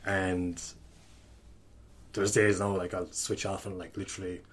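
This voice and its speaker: Low-voiced man with strong Kerry accent. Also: level tone, a little slow. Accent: strong Kerry, west of Ireland. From County Kerry, Ireland. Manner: rambling, candid, peppered with "like". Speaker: podcast guest, sports coach. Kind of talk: casual podcast conversation.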